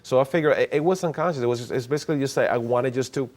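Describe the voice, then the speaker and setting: A man, a cinematographer guest chatting casually in an interview, animated and often restarting and repeating words. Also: medium pitch, very fast.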